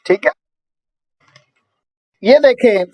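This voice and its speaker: A man's voice: very high-pitched, lively intonation, drawn-out words, darkish tone, dry recording. A man with a Pakistani Urdu accent teaching an online Bible and Hebrew lesson over a video call, patiently checking in with his students. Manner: patient, often checking in with "okay?".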